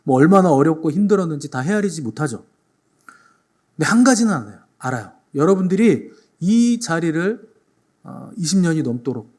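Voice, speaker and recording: A man pastor delivers a sermon in a church and addresses his congregation directly. He tells the story with animated energy and acts out the voices of the people in it. His speaking voice sits somewhat high for a man.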